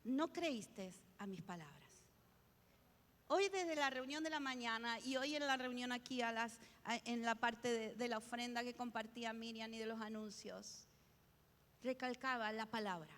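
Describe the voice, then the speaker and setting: A woman's voice: on the high side, steady tone, moderate pace, a bit bright, in a large hall. A woman pastor preaching a sermon, emphatic and repetitive, often restarting her words. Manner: emphatic, repeats key phrases, many restarts.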